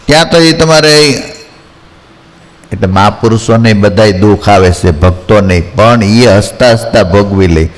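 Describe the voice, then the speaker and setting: A man's voice: fairly low pitch, a little slow, big-room sound, low-quality recording. A man giving a folksy devotional discourse, telling anecdotes and acting out villagers in quoted voices. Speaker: spiritual storyteller.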